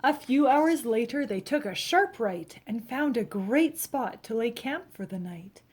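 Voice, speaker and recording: A woman reads a children's storybook aloud in a somewhat high voice. She leans into the rhymes with animated, dramatic emphasis, stretching out key words for young listeners. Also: measured pace, husky. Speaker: storybook reader. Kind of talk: expressive read-aloud of a rhyming children's picture book.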